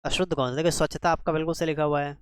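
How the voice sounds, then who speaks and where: A man's voice: fairly high pitch, fairly even intonation, racing, clean tone, dry recording, studio quality. A man teaching a spelling lesson for exam preparation, quizzing the class with rhetorical questions and repeating each answer. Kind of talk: exam-prep grammar lesson.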